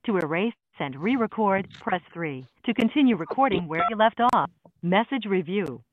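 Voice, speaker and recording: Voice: mid-range voice, animated, normal speed. An automated voicemail system reading out recorded menu instructions over a phone call. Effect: automated voicemail system prompt. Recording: dull lo-fi phone line with noise.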